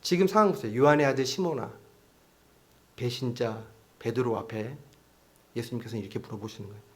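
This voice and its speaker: A man's voice: mid-range voice, brisk. Male pastor, conversational sermon in a church, acts out quotes, engages the congregation with questions. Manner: conversational preaching with acted-out quotes; asks the congregation questions often.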